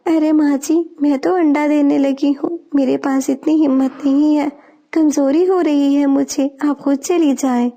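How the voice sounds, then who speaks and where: Weary young sparrow, a woman voicing her, pleading, dark high voice. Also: fairly even intonation.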